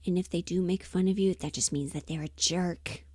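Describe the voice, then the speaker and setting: Here the woman's voice sits fairly low, with rather even intonation, a slightly quick pace, a somewhat mellow tone and a bit of roughness, with no room sound. As a livestream host and audio performer, she chats casually while she works, often trailing off in half-muttered asides.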